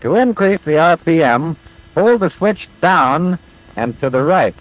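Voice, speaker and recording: A military flight instructor from a 1940s training film explains things step by step with patient confidence, his delivery clear, methodical, and instructive. His voice sits fairly high and is animated, swinging in pitch at a measured pace. The low-quality recording comes from a vintage film soundtrack.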